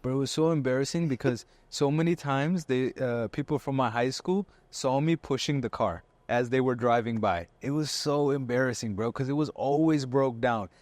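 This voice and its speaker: A man's voice: mid-range voice, normal speed, hardly any pauses, no room sound. A young man co-hosting a car podcast, talking casually and emphatically, full of slang. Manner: animated, emphatic, slangy with "bro". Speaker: podcast co-host. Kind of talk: casual chat.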